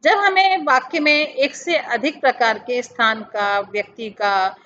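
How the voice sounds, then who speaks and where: A woman teacher explaining grammar to children, talking them slowly through examples. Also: a little high, pushed and bright. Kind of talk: classroom lesson explanation. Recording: dull lo-fi sound with faint background noise.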